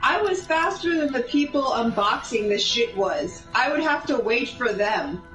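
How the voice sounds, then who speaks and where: This young woman's fairly high, fairly bright voice swings widely in pitch as she tells a sweary, meandering story at a slightly slow pace while playing a video game. The mic is distant, with a roomy echo and music in the background.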